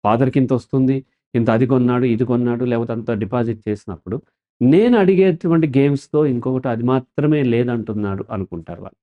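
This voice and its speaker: A man with a mid-range voice talks fast over narrow, tinny audio. He is a counselor being interviewed as a guest, explaining things in an animated way and often posing a question before answering it himself.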